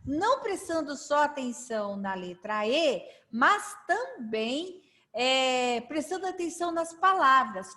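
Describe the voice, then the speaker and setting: Brief: Brazilian woman teaching kids to read, very slow and sing-song, bright tone. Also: on the high side. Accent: Brazilian Portuguese. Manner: coaxing, drawn-out syllables, frequent check-ins. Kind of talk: slow children's literacy lesson.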